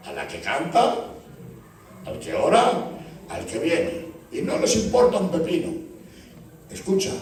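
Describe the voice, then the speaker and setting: High-voiced preaching man, echoey. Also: darkish tone. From Spain. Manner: storytelling, acts out dialogue with church members. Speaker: pastor. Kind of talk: sermon. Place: church. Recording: echoey church hall from far off.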